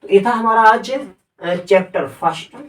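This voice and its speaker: A man's voice: high-pitched, measured pace, fairly bright tone, roomy sound, far from the mic. Man teaching grammar, off-mic. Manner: spells words out letter by letter and asks rhetorical questions. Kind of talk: classroom lecture.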